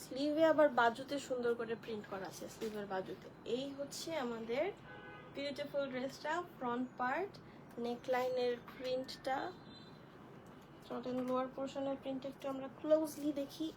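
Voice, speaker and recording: High-pitched woman doing a live dress sale, chatty, calls out commenters, faint hiss behind. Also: fairly even intonation, a little fast. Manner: chatty, addresses viewers as sisters, greets commenters by name. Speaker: online clothing seller on a live stream. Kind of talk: live-stream product showcase.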